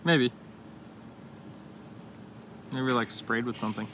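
A man's voice: mid-range voice, takes it slowly, a bit bright. A man casually chatting on camera outdoors at a shipyard, easygoing and talkative. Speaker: vlog host. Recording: noisy outdoor camera audio.

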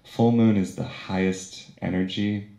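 Slow, gravelly low-voiced man teaching meditation. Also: echoey room. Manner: calm, unhurried instruction with chanted mantra syllables. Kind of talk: guided yoga and meditation instruction.

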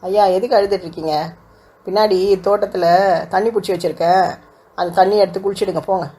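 A woman's voice: medium pitch, steady tone, fast talker, dark tone, breathy edge, lightly acted. A woman voicing a patient, polite young housewife in a cartoon, speaking soothingly. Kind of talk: cartoon voice acting.

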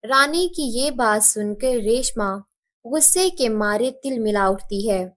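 A woman's voice: fairly high pitch, animated, unhurried. Woman narrating a cartoon story.

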